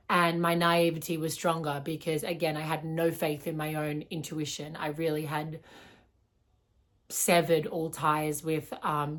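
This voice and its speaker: A young woman in her twenties with an Australian accent, telling a personal story in a casual, rambling way, full of "like" and "um". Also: deep voice. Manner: rambling, heavy use of "like" and "um".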